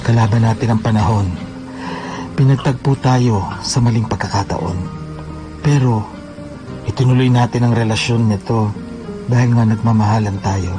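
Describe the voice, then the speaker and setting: A man's voice: medium pitch, fairly even intonation, moderate pace, long pauses, lightly acted. A man playing a jealous, controlling married lover in a radio drama, with music behind him. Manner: controlling, turns sweet and pleading.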